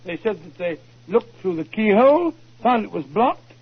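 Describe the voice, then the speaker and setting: Casting: gentlemanly English doctor, high-pitched and husky, earnest precise storyteller, old radio. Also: male voice, sing-song, normal speed, exaggerated voice. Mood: earnest, recounting. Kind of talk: 1940s radio drama acting. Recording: muffled 1940s radio broadcast recording.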